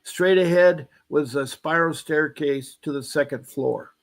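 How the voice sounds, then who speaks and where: A man in his seventies tells a long personal story in a rambling way, circling back with restarts and asides. He sounds aggrieved and insistent, and his voice sits slightly higher than most men's. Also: a little slow. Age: 70s. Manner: aggrieved, insistent about injustice. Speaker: guest.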